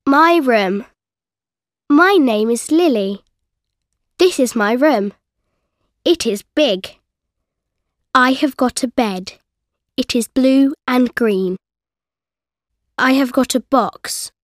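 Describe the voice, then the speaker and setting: A woman's voice: high-pitched, expressive, slow pace, pauses often, no room sound, studio quality. A woman voicing a young girl in a textbook. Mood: calm. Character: young girl character reading her text. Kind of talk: slow scripted textbook reading.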